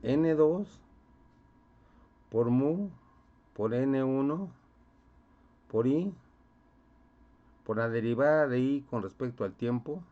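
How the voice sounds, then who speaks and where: A man's voice: medium pitch, expressive, slow pace, long pauses. Man teaching physics, dull lo-fi sound. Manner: checks in with "¿sí?", quizzes students. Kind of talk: classroom lecture. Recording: dull lo-fi recording.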